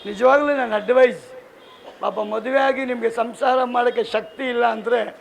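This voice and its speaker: A man's voice: extremely high pitch, fairly even intonation, moderate pace, creaky, slight background noise, low-quality recording. A man preaching a sermon at a church service, fervent and repeating scripture lines with emphasis, breaking into joking asides. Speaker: pastor.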